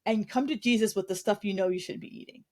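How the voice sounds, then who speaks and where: A woman's voice: mid-range voice, quick pace, mellow. A middle-aged woman coaching on diet in casual interview chat, emphatic and blunt, often restarting her sentences. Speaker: guest, weight coach.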